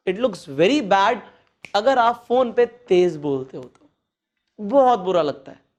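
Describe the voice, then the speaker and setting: A man's voice: sits high, expressive, slow pace, a little mellow. A man giving casual etiquette advice, slipping English phrases into his talk and counting off numbered points. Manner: acts out bad habits in a mocking voice. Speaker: etiquette coach.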